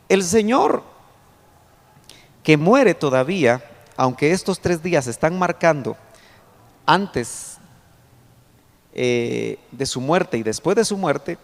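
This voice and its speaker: A male pastor teaching a Bible study sermon, explaining verses slowly, pointing at a chart and reading scripture aloud with rising emphasis. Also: on the high side, creaky. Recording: long hall reverb.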